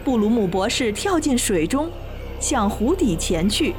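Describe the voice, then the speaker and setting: A woman narrating a children's storybook in an animated, expressive way. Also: a little high, a little slow. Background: children's music.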